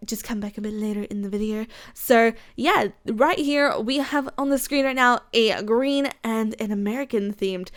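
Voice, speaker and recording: An Australian woman hosting casual game news commentary, gushing and excitable, full of fillers. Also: on the high side, clear, resonant tone. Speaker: gaming YouTuber.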